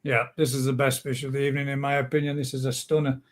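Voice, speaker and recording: A man's voice: medium pitch, flat delivery, fast. A man joining a live koi auction stream from his mobile, calling the lots with enthusiasm. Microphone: mobile phone.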